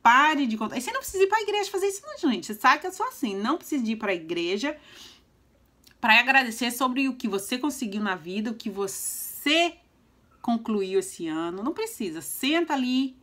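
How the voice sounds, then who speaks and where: Brazilian woman, middle-aged, slightly high voice, chatty motivational vlogger. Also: very animated, brisk. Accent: Brazilian Portuguese. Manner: chatty, emphatic, swings between loud and soft. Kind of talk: casual motivational vlog talk.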